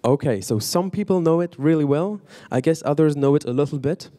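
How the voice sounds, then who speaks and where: A French-accented man opens a conference panel as moderator. His voice is mellow and dark, and he talks in an unhurried way with frequent pauses between phrases. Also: a little high.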